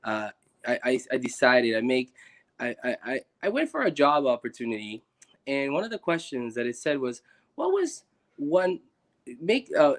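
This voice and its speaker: A young man from Guatemala talking earnestly and reflectively as a guest, with many restarts. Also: medium pitch. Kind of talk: casual conversation on a live stream.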